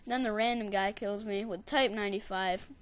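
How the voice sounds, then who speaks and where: A woman casually narrating her gameplay in a rambling, digressive way, and getting excitable when she tells a story. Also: mid-range voice, moderate pace, slight background noise. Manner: excitable, shouts catchphrases when retelling. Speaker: gameplay commentator.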